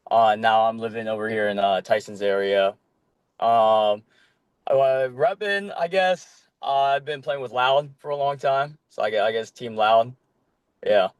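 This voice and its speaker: A man's voice: mid-range voice, unhurried, clean tone, no echo, dull audio. Laid-back young man, dry mic. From Korea. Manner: relaxed, loose, with many ums and casual swearing. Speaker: podcast guest, flag football player. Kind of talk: casual chat.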